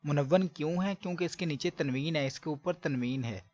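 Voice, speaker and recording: A man's voice: a little high, brisk, a little mellow. A man teaching Quran recitation step by step, from Pakistan, patiently drawing out syllables in drills. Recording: dry, dull lo-fi recording.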